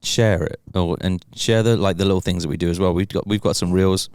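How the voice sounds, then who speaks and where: A man co-hosting a casual podcast chat, with quick, loose, rambling asides. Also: low-pitched, steady tone, a little mellow, smooth, no room sound. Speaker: podcast co-host.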